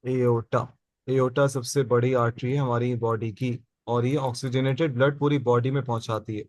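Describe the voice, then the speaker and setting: A man's voice: medium pitch, little pitch movement, moderate pace, darkish tone, no echo. A man teaching biology in a classroom, asking his students questions and answering them himself, and repeating the key terms. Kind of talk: classroom lecture.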